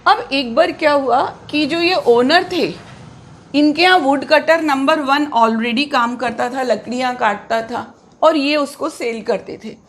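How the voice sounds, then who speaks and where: A woman teacher, explaining grammar to pupils in a relaxed, repetitive way and asking them questions as she goes. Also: sits high, unhurried. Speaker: English teacher. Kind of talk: classroom lesson explaining grammar.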